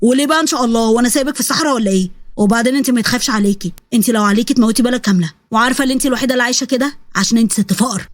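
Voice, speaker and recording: A woman's voice: fairly high pitch, racing, no room sound, close to an everyday voice. A woman voicing a cruel, mocking young husband, with an Egyptian accent, in a story. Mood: taunting. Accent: Egyptian Arabic. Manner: mocking, bullying.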